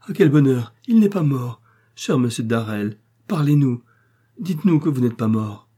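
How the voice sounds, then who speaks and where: A man voicing a stout, excitable innkeeper's wife who talks loudly and emphatically. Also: fairly low pitch, moderate pace, husky. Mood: anxious. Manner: loud, emphatic, exclaiming.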